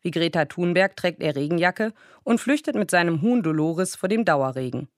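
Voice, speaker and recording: A woman presenting a scripted book review on the radio in an even, measured way. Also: lowish voice, no room sound, clean studio sound.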